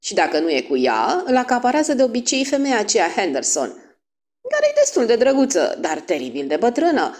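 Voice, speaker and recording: An excited, giggly eighteen-year-old girl, as a woman narrator plays her, breathless and loud, bouncing through a wide lively range. An audiobook reading. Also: low voice, hardly any pauses.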